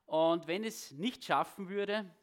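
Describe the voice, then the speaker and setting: A preacher giving a sermon and prayer in a church hall, speaking with a halting delivery that often repeats words. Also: male voice, sits high. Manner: halting, repeats words, self-deprecating asides.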